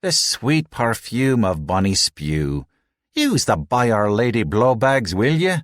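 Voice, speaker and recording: A man's voice: fairly low pitch, big pitch swings, slow, no echo, clean studio sound, voice pushed up. A man voicing a mocking Irish space worker with a broad brogue in an audiobook.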